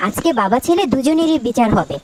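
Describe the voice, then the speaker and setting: A scolding cartoon mom. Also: female voice, high voice, expressive, fairly quick, slight background noise. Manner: scolding and sharp. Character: stern, quick-tempered mother of a young boy. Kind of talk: cartoon voice acting.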